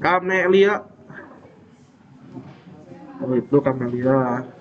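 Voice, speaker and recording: A man's voice: mid-range voice, extremely slow. A male teacher taking the roll in a classroom, casual and teasing as he checks each student one by one. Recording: dull lo-fi classroom recording.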